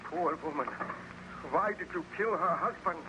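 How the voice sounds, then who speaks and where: Male actor as grave baron, high male voice, formal, earnest, dramatic, vintage radio horror, noisy old recording. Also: moderate pace, natural voice. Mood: reproachful. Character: grave, determined baron hunting his monstrous creation.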